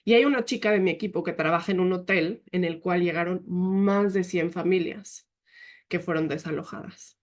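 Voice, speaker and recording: A woman's voice: lowish voice, moderate pace. Lady telling her team a personal story, earnest and emotional, quotes people a lot. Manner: often quotes herself and others. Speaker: team leader giving a leadership talk. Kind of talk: personal testimony talk.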